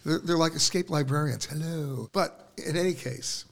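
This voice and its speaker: A man's voice: fairly high pitch, a little fast, vocal fry, fairly bright tone. A man hosting a travel radio show from a hotel, chatting and joking with his guests. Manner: joking, chatty, laughs often. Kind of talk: casual radio interview. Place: hotel broadcast location.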